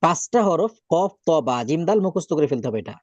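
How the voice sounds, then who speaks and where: A man teaching Quran reading in a classroom lesson, drilling letters slowly and checking that students follow. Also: on the high side, big pitch swings, no room sound, muffled recording. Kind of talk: slow classroom recitation lesson.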